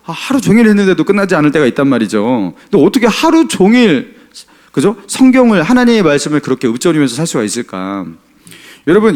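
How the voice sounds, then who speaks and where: A male pastor giving a Sunday sermon in a conversational style. He often turns to the congregation with questions and chuckles now and then, and his voice moves between emphatic raised lines and soft, low asides. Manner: chuckles while talking.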